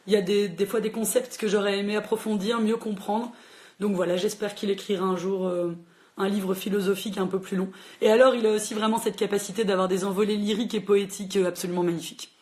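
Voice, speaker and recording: A woman hosts a casual livestream book chat for a library. She talks fast and chattily, with lots of fillers. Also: mid-range voice, steady tone, darkish tone. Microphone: phone livestream.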